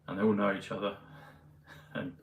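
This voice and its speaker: A man vlogging in a meandering, hesitant casual monologue full of pauses and fillers. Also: lowish voice, little pitch movement, muffled recording, a little hiss or hum. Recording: roomy, mic at a distance, faint ambience.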